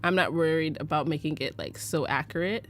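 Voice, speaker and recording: A young woman from Arizona, United States, speaks in a low voice at a brisk clip over soft background music. She's a livestream presenter running a casual photo-editing tutorial, chatty, laughing easily, and full of fillers.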